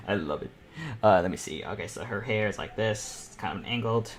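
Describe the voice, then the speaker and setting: A young man in his teens or early adulthood speaks at normal speed in a fairly low voice while hosting an online art panel. He chats casually and thinks aloud as he draws, and room ambience and background noise are clearly audible.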